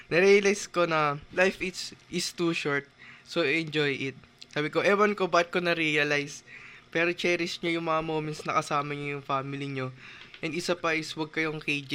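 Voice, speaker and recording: A man's voice: a little high, fairly even intonation, moderate pace, sharp tone, clean tone. A man chatting casually as a podcast co-host, telling stories with lots of fillers and laughter. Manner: chatty storyteller, often laughing, many fillers. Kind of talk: casual chat.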